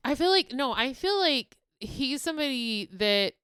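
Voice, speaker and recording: A middle-aged woman in casual podcast chat, blunt and frank, cursing freely. Her voice is bright and crisp, and it sits close to the mic in a dry room. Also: high-pitched, animated, normal speed, no echo. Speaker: podcast co-host, mother of the other host.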